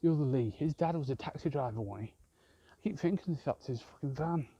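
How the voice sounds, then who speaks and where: A man's voice: a little high, fairly quick, dark tone, slightly rough, no room sound, highs cut off. A man rambling and swearing constantly as he films a vlog on a walk outdoors in a park with his phone. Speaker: vlogger. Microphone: handheld phone camera.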